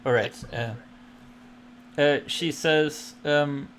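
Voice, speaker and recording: A man running a tabletop game as game master, improvising narration in a hesitant, halting way. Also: fairly high pitch, fairly even intonation, a bit bright, slight background noise.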